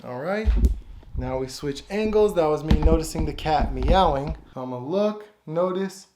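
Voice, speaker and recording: A man's voice: on the high side, lively intonation, moderate pace. Youtuber guy talking through his filming setup, laid back and offhand, faint music behind. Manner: casual, offhand talk, thinking aloud while filming. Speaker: YouTuber making animated shorts. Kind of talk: casual behind-the-scenes explanation. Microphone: phone.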